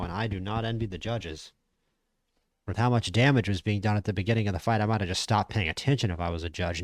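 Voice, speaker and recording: A man casually commentating a boxing management game, chatty and opinionated, stammering when he gets excited. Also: fairly low pitch, dry recording. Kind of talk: casual play-by-play commentary over a boxing sim.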